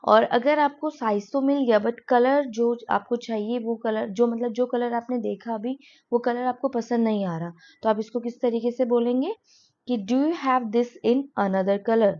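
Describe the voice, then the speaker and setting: A woman teaching spoken English, who explains patiently and says each example sentence slowly. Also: fairly high pitch, steady tone, darkish tone, muffled recording.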